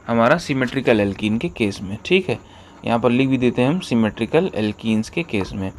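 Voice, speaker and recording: Man teaching a lesson, faint noise. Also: mid-range voice. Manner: repeats key terms and checks in with "ठीक है". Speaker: chemistry teacher. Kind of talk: explanatory lesson with rhetorical questions.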